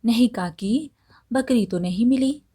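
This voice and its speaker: A woman's voice: a little high, a little slow, warm tone, husky, pitched above the performer's own voice. A woman voicing a cheating young village man who protests his innocence, in a storybook reading. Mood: defensive.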